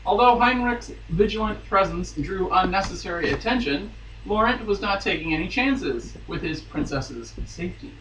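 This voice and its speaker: He speaks at normal speed in a high-pitched voice with lively intonation, reading a romance novel dramatically as a podcast guest. Theatrical flourishes alternate with amused asides. The recording is roomy and faintly noisy, with the mic set at a distance.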